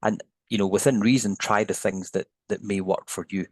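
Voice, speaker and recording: A Scottish neuroscientist is a guest on a podcast interview, explaining research thoughtfully, hedging and often restarting his sentences. He speaks at normal speed in a steady, fairly low voice, and the recording is dry.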